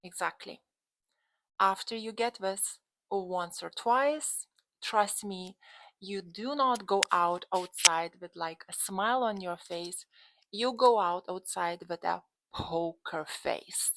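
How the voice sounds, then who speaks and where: A woman from Lithuania, a dating and relationship coach, chats emphatically to camera on her channel in her native accent. Her medium-pitched voice is slow and fairly bright, though the recording quality is low.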